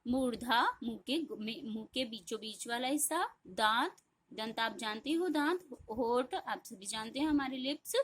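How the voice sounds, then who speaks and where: A woman school teacher giving a Hindi grammar lesson, slowly explaining and repeating terms, then asking questions and answering them herself. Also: a little high, animated, fairly bright tone, a little hiss or hum.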